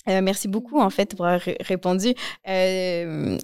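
A middle-aged woman interviewing younger guests in a casual chat, laughing often and filling pauses with hesitations. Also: mid-range voice, a little mellow, smooth, no echo.

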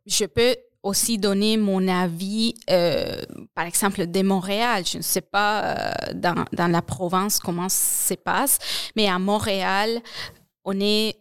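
A woman speaks slowly and hesitantly as a podcast guest, pausing often to search for words. Her voice is smooth and clear, and the sound is dry and close. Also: medium pitch, fairly even intonation, no room sound. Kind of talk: casual conversation.

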